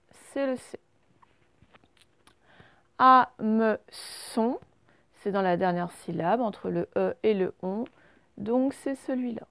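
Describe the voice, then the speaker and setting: A woman teacher giving a recorded reading lesson to young children, sounding out each word slowly and patiently. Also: medium pitch, gravelly, warm tone, dry recording. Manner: slow, carefully sounded-out words. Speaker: primary school teacher.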